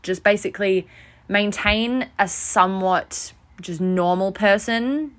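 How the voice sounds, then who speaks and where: Sounding overtired, a young woman hosts a podcast and spins a meandering story at her own expense. She's casual and animated, speaking at a medium pitch.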